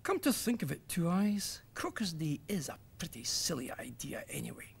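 A man's voice: very high voice, normal speed, vocal fry, voice pushed up, exaggerated voice. A man voicing a mischievous little caveman boy in a children's story. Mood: deflated. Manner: excited and eager. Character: mischievous small caveman boy, eager prankster.

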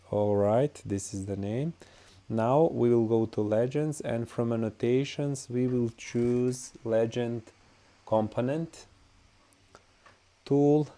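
Here a tutorial host, a native Bosnian speaker with a matching accent, explains software in English over a screen recording. His voice sits in the mid range, and his speech is halting, packed with "uh" and "all right."

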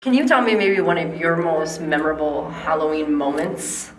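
A woman's voice: deep voice, expressive, moderate pace, reverberant, a little hiss or hum. A woman hosting a local show, asking an interviewee friendly questions. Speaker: host. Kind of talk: casual interview. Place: dark stone-walled haunted attraction, indoors.

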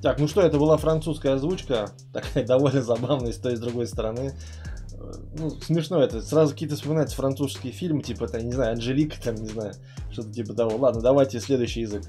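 A man's voice: mid-range voice, fast talker, warm tone, faint music behind. A man giving casual, rambling gaming commentary as a channel host. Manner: informal, rambling.

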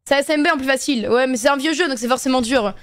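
Young French woman streamer, high voice. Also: racing, a bit bright. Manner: chatty, laughing, reacting to the game. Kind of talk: casual gaming chat with friends.

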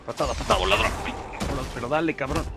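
A man with a Mexican Spanish accent giving live gameplay commentary, excitable and swearing a lot, yelling during fights. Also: on the high side, racing, gravelly. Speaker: gaming video host. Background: game music.

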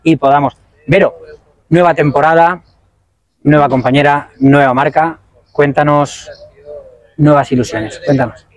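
A man's voice: on the high side, fairly even intonation, unhurried, long pauses, no room sound. A man in his forties hosting a padel vlog, interviewing a player outdoors at a tournament with a handheld mic, upbeat and prompting. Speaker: vlogger and interviewer.

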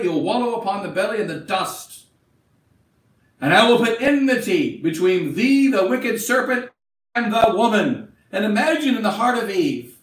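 Preaching man, echoey chapel. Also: high-pitched. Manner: declamatory preaching, rising and falling, with quieter practical asides. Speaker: bishop. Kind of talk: wedding sermon. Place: small chapel at an altar, indoors. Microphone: far camera. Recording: echoey room from a distant camera, faint hiss.

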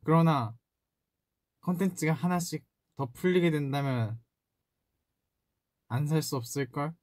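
A man's voice: on the high side, unhurried, darkish tone, no echo. A young man in his twenties, an idol singer chatting playfully on a solo livestream and answering fan comments from a small room. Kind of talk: casual livestream chat, reading fan comments. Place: small indoor room, seated at a desk.

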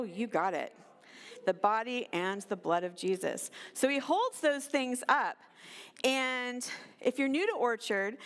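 A woman with an American accent giving a guest sermon in a church, talking conversationally and addressing the children and congregation directly. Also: on the high side. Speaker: guest preacher. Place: church sanctuary. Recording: long hall reverb in a church.

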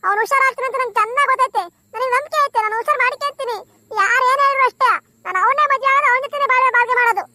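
Cartoon girl, played by a woman: tearful, loyal, very high and bright, fast. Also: dry recording, full character voice. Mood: indignant pleading. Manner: tearful, pleading and indignant. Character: young village woman, heartbroken but fiercely loyal.

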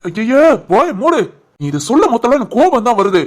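A woman with a Kanyakumari-Tirunelveli Tamil accent voicing a stern, protective young father in an animated story, scolding harshly. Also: fairly high pitch, quick pace.

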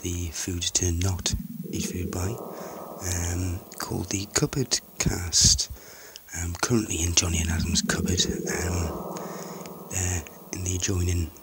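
A man whispering a comic podcast segment from a cupboard in a hushed, deadpan way. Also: sits low, slow pace, noisy background.

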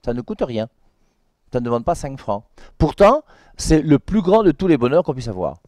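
A man, a priest, giving a conversational Sunday Bible commentary, often adding "hein" and repeating words, and reading scripture slowly and emphatically. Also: medium pitch, very animated, a little mellow, no room sound, studio quality.

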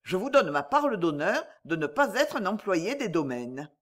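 A woman voicing a cool, calculating male agent in an audiobook, who sounds smooth and reassuring. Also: fairly low pitch, big pitch swings, normal speed. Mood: calm scheming. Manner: smooth, reassuring, coolly persuasive.

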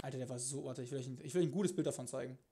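A young man chatting casually on a live stream from his home kitchen, slangy and crude, swearing freely and swinging between mumbles and loud bursts. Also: mid-range voice, rapid-fire, gravelly, breathy edge, soft background music. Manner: excitable, jumps between mumbling and loud outbursts.

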